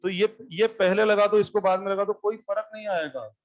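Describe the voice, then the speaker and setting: A man's voice: high voice, steady tone, moderate pace. A man teaching physics to a live class, explaining circuits step by step, repeating points and telling students to sit down and listen. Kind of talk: classroom lecture.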